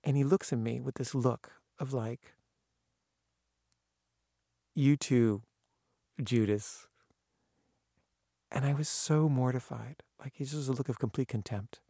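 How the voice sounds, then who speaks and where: A man's voice: medium pitch, gravelly, slightly rough, no echo, studio quality. A man telling a personal story in a casual way, acting out the people he quotes, with frequent restarts. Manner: animated, acts out quoted voices, halting restarts. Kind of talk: casual anecdote.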